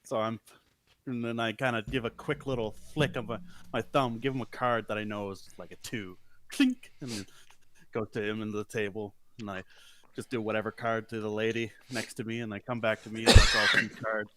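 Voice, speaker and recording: A man playing a tabletop game, telling his card-sharp moves in a playful, chatty way. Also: fairly low pitch, flat delivery, a little fast, slight background noise. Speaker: player. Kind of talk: in-character play at the table.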